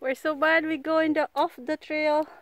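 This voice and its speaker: A woman's voice: sits high, flat delivery, normal speed, a bit bright. Woman vlogging on a forest hike. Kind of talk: casual hiking vlog. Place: outdoors in a forest. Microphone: handheld phone camera.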